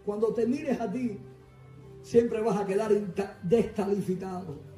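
A man preaches a fervent sermon, his voice pitched high and rising into shouts. He sounds a little off the mic in a roomy, echoing church hall. Music plays clearly underneath. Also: a little slow, recorded from a distance. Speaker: pastor.

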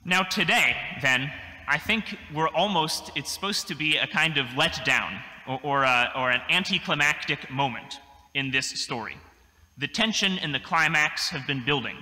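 A young adult man, a priest, gives a measured, thoughtful sermon from a church pulpit, with dry little asides. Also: fairly high pitch, sharp tone. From United States. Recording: long church reverb.

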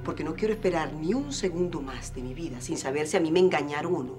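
A woman's voice: sits low, lively intonation, fast. An actress playing a grieving young woman who firmly demands the truth, in a telenovela. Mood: determined. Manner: firm, determined. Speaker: Clara, the daughter. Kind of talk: telenovela acting. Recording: telenovela scene with loud music.

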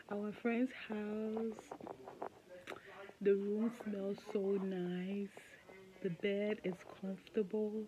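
Slow-talking woman vlogging on her phone. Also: mid-range voice. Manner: chatty, rambling with many fillers. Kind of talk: casual travel vlog. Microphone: phone at arm's length. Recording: dull lo-fi phone audio with background noise.

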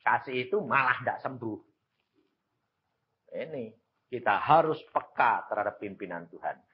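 A man's voice: mid-range voice, animated, measured pace, lo-fi sound. An elderly man around eighty with a Javanese accent, preaching a sermon in an emphatic, folksy way and speaking straight to his congregation. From Central Java, Indonesia. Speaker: evangelist preacher.

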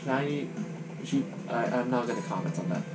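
A man's voice: medium pitch, moderate pace. A man casually commenting as he plays a game, with wry asides. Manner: chatty, wry asides while playing. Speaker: let's play host. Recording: guitar music playing behind.

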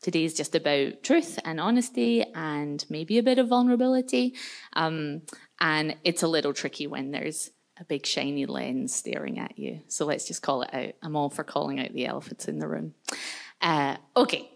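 Chatty Scottish woman with a low voice. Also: lively intonation, normal speed, gravelly. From Scotland. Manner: chatty, self-deprecating, lots of fillers. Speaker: workshop presenter. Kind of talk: casual workshop introduction. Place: large community hall, indoors. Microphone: handheld microphone.

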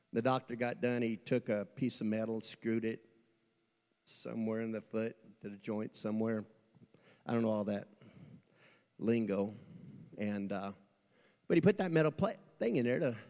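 Recorded in a church with long reverb, a middle-aged pastor with a voice on the low side gives a folksy sermon. He swings from hushed asides to outright shouting.

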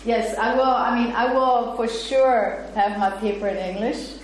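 A middle-aged guest lecturer whose first language is German gives an academic lecture in English, reading parts of her paper. Her fairly high voice is steady and a little slow, and she laughs easily and chats with the audience between passages. A far camera's room mic captures her in a bright indoor lecture room with a projector screen, with echo and faint noise.

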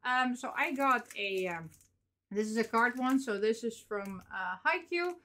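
A woman's voice: fairly high pitch, animated, unhurried, a bit bright. Woman, 30s, vlogger. Casual unboxing chatter, rambling, filler-heavy. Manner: chatty, rambling, frequent fillers and small laughs. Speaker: vlogger showing convention purchases.

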